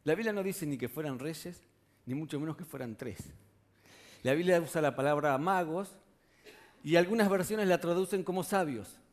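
A man's voice: a little high, moderate pace. A man with a Rioplatense Spanish accent preaching a sermon in a conversational way, often putting rhetorical questions to the congregation.

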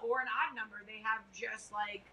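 A middle-aged woman co-hosting a podcast, chatting casually on a couch in a loud, emphatic way. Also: a little high, fairly even intonation, moderate pace, low-quality recording. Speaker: podcast co-host. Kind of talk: casual chat. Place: living room couch.

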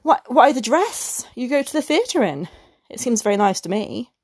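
A woman's voice: fairly high pitch, big pitch swings, normal speed, a little mellow, husky, dry recording, clean studio sound, heavily acted. A woman reader voicing an anxious, eager-to-please clerk husband who stammers and pleads. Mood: pleading.

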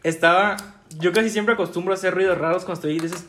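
A man's voice: high voice, steady tone, a loud crowd. A young man with a Mexican accent, co-hosting a podcast and eagerly telling school stories. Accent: Mexican Spanish. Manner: fast, eager storyteller who hushes the others. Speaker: podcast co-host. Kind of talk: casual storytelling. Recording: echoey room, faint noise.

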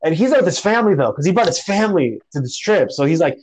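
Animated young man telling a story. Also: on the high side, fast talker, a little hiss or hum, rough recording. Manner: animated, slangy, says bro and dude. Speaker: podcast guest telling a story. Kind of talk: casual storytelling chat.

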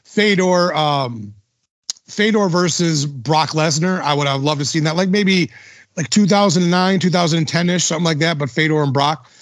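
A man's voice: on the high side, normal speed, no room sound, clean studio sound. A man hosting a podcast in casual chat, enthusiastic and full of slang like dude and bro. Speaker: podcast host.

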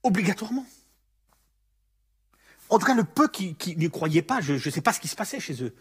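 A man preaching a sermon as a pastor, animated, acting out the voices of the story. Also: sits high, normal speed, breathy edge. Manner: animated, acts out the story's speakers.

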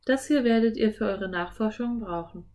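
A mysterious but friendly sorceress from a storybook, calm and measured as she speaks to the children. A woman narrator puts her on, close to her own voice. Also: fairly high pitch, lightly acted.

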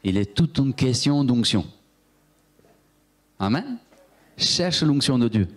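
Animated preacher man. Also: mid-range voice, takes it slowly. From Italy. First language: Italian. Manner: animated storyteller, acts out voices, talks to the congregation. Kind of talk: sermon with personal testimony.

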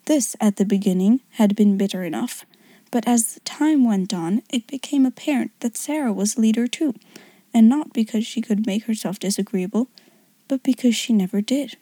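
A woman narrates an audiobook in a soft, half-whispered voice. Her tone is dark and mellow, breathy and husky, and the recording is close and dry with no room sound. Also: on the high side, moderate pace, no echo.

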